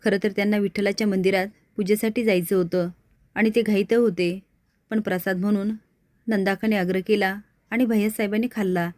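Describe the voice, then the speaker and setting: Woman reads a worried woman, quick explanation. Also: medium pitch, steady tone, darkish tone, no room sound, natural voice. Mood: explaining. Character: worried woman recounting an illness.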